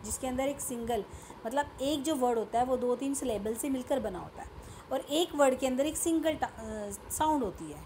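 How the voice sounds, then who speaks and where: A woman's voice: high voice, animated, moderate pace, dark tone, a little hiss or hum. A woman with an Indian English accent teaching a grammar lesson, mixing Hindi and English and often checking whether her students have understood.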